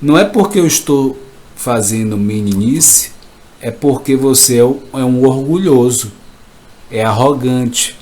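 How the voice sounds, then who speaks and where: A man voicing a young boy who reproaches his proud father with a string of accusing questions, spoken slowly. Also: mid-range voice, darkish tone, lightly acted.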